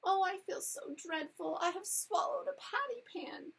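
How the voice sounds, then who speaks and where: A woman's voice: sits high, big pitch swings, unhurried, pitched above the performer's own voice. A woman voicing an anxious, genteel lady dog in a storybook reading, polite and moaning.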